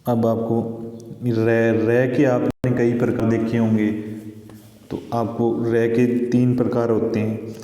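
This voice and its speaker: A man teaches a school grammar lesson in a patient, explanatory way, repeating points and checking in with his class. His voice is very dark and mellow. The sound rings around a roomy hall with a long reverb tail. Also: mid-range voice, completely flat delivery, takes it slowly. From India. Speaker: Hindi teacher. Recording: echoey room with long reverb.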